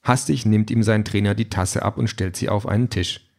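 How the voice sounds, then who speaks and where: A man narrating an audiobook chapter in a calm, even storytelling manner. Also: on the low side, moderate pace, creaky.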